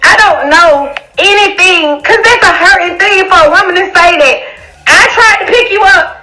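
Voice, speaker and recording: A woman's voice: very high voice, moderate pace, pushed and bright, faint music behind. A woman crying as she makes an emotional, defensive statement, swearing freely. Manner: emotional, defensive, profane ranting. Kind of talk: emotional live video statement.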